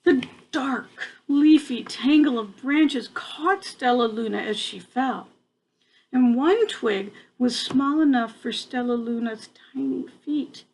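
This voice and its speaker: Reading slowly from a picture book to a child, an older woman speaks in a high voice, expressive and sprinkling in casual asides and exclamations. The recording quality is rough.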